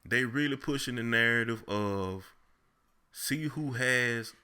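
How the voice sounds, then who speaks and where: A man with a Texas accent, co-hosting a podcast in a relaxed, slangy chat and telling long stories. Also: medium pitch, smooth. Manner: laid-back slang, drawn-out storytelling. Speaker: podcast co-host. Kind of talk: casual chat.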